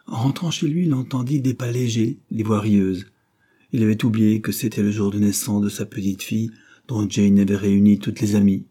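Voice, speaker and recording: Low husky male audiobook narrator. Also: fairly even intonation, normal speed, dark tone. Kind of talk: scripted narration.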